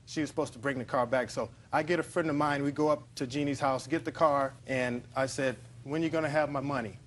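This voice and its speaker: Guy telling his side in tv court, mid pitch, plain and colloquial. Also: steady tone, fairly quick, a bit bright, a little hiss or hum. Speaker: plaintiff in TV small-claims court. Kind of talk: plain spoken testimony.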